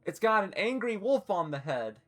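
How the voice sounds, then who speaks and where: A woman's voice: medium pitch, sing-song, moderate pace. A woman live-streaming, chatting casually and swearing freely while she ranks costumes, hiccuping and a little flustered.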